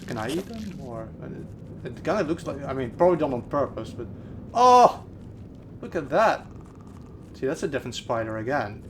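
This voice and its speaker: A man giving informal, expressive, slangy commentary on a video game, mixing play with review remarks. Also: mid-range voice, fast talker, a little hiss or hum.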